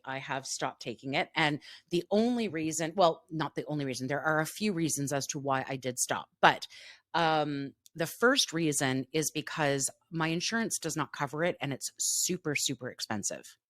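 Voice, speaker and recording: In clean, echo-free studio sound, a woman with a low, slightly bright voice co-hosts a relaxed podcast. She talks freely and chattily, with plenty of fillers and restarts.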